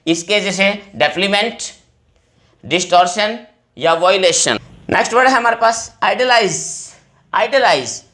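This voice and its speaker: Hindi-speaking male teacher, fairly high voice. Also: sharp tone. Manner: repeats each word slowly, addresses students as friends. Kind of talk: vocabulary lesson for exam students.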